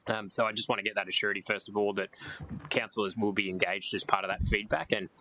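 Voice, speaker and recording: A man's voice: lowish voice, level tone, fast talker, sharp tone, slight background noise, low-quality recording. An Australian man speaking as a councillor in a council committee meeting, asking officers questions in long, formal sentences. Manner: long-winded, formal phrasing.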